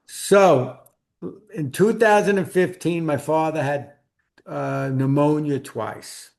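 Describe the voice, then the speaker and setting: A middle-aged man speaks in a Brooklyn accent, pitched a little high for a male voice. He talks as a guest author, recounting personal memories in a conversational storytelling style. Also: slow pace, darkish tone.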